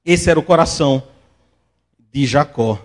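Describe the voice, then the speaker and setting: A male pastor, preaching a sermon and telling stories with lively acted-out voices. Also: a little high, normal speed. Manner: animated storytelling, acts out quoted voices.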